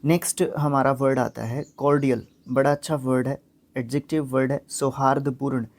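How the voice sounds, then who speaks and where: A man teaching a vocabulary lesson who repeats words and sounds them out slowly, with short fillers between his explanations. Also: mid-range voice, level tone, a little mellow.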